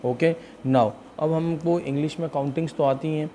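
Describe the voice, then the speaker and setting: A man with a Hindi accent giving a spoken English grammar lecture, explaining step by step and slowing down for English example sentences. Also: fairly high pitch, fairly even intonation, dark tone, slight background noise. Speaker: English teacher.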